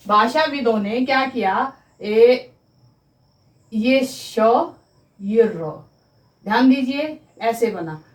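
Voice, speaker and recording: A woman teaching grammar in a slow, deliberate way. She repeats each sound for pronunciation and checks with her students that they follow. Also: on the high side, echoey room, poor audio. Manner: addresses viewers as students, checking understanding. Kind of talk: classroom-style explanation at a board.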